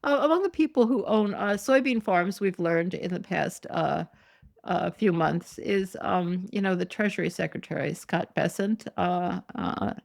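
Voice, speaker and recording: A woman's voice: lowish voice, a little slow, vocal fry, darkish tone, no room sound, clean studio sound. Sarcastic, digressive woman host. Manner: sarcastic, digressive, laughs often. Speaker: podcast host. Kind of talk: casual commentary reading articles aloud.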